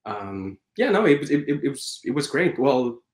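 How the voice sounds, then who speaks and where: A man's voice: medium pitch, big pitch swings, normal speed, reverberant. A man in his thirties from France with a French accent, speaking casually as an interview guest, hesitant with many fillers and restarts. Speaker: guest animator.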